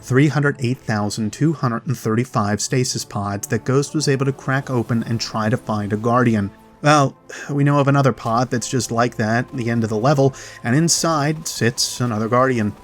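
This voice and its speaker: With background music playing, a man with a mid-range voice hosts a game lore video. He narrates commentary straight to viewers, using dramatic pauses.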